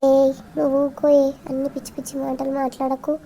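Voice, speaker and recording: A caring elder sister in a cartoon, played by a woman with a Telangana accent. Her voice is high and flat with a gravelly edge. She soothes others and scolds them gently. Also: fast, slight background noise. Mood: soothing. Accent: Telangana Telugu.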